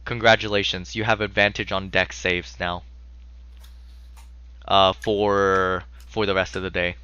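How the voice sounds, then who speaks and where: A man improvising tabletop game narration as game master, casual, halting and sweary. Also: low-pitched, level tone, pushed and bright, clean tone, lo-fi sound.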